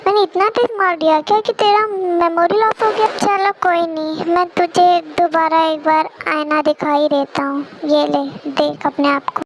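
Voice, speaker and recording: A woman voicing a gruff, teasing young man who bosses his friend around, in a fan dub with music underneath. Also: very high voice, fairly even intonation, moderate pace, noisy background.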